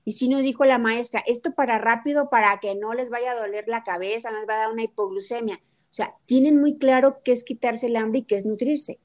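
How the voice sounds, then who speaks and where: Animated middle-aged Mexican woman, higher voice. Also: brisk. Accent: Mexican Spanish. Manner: animated storytelling, acts out quotes of her daughter. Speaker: guest nutrition speaker. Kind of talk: conversational talk interview.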